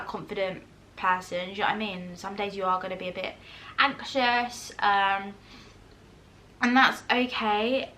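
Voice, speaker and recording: A woman, chatting casually with viewers in a Q&A while eating, rambling quickly with many fillers. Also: medium pitch, pushed and bright. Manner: chatty and self-reassuring, laughs often. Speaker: vlogger.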